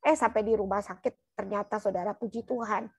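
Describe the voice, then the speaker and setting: Husky woman giving an earnest church testimony. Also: mid-range voice, steady tone, fairly quick, a little mellow, no room sound. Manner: earnest, keeps addressing listeners as "brothers and sisters"; colloquial storytelling.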